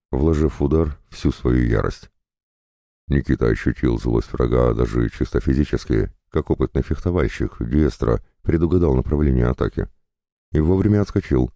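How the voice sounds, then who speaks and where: A man's voice: very deep voice, lively intonation, moderate pace, creaky, mellow, no echo, clean studio sound. A man reading a dramatic adventure story aloud, giving the characters small shifts of voice. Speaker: audiobook narrator. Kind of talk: dramatic audiobook narration.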